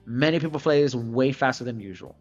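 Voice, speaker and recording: Loud background music plays over this muffled recording of a male streamer talking through a game. His voice sits at a medium pitch and moves briskly as he mutters and repeats phrases in laid-back livestream commentary.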